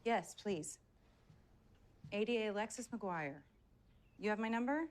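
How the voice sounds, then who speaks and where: A woman's voice: medium pitch, unhurried, close to an everyday voice. An actress playing a determined, weary prosecutor and mother in a naturalistic TV legal drama. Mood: anxious, upset. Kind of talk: naturalistic film acting.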